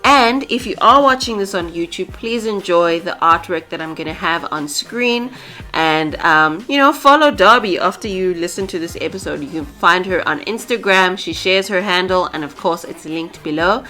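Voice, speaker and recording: A woman's voice: fairly low pitch, animated, normal speed, sharp tone. A young woman hosting a podcast interview over a video call, chatty and laughing often. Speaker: podcast host.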